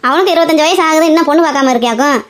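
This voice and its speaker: A woman's voice: sits high, racing, natural voice. A woman voicing a bossy, chatty middle-aged wife in a cartoon comedy, scolding and lecturing.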